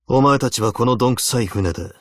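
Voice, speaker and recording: A man voices a stern, weary veteran abyssal hunter for Japanese video game character lines, terse, solemn and commanding in a grave mood. His medium-pitched delivery is fast and natural, recorded with studio quality and no echo.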